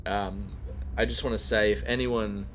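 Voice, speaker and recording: A man's voice: on the low side, steady tone, unhurried, slight background noise. A man telling a rambling comedic story as a podcast host, full of fillers and swearing, sometimes far from the mic.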